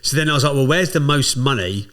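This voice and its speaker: Podcast guest, man, rapid and animated, salty language. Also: medium pitch. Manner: fast, swears freely, animated storyteller. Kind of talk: casual storytelling chat.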